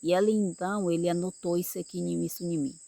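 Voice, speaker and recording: A woman's voice: lowish voice, steady tone, fast, gravelly, dark tone, dry recording. A woman from Brazil giving an informal sermon in a conversational way, often repeating words and asking her listeners if they follow. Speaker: preacher.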